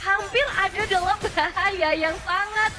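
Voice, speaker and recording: A woman's voice: extremely high pitch, steady tone, a little slow, over music. A woman calling a live mobile game match as play-by-play, in the dramatic running style of a fighting game announcer. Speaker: esports shoutcaster, play-by-play.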